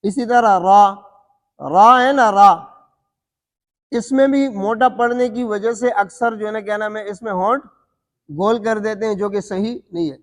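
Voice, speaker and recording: Man, Quran recitation teacher, asks and answers his own questions, drawn-out letter demonstrations, reverberant hall. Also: sits high, fairly even intonation. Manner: demonstrates letter sounds slowly. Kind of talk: tajweed lesson.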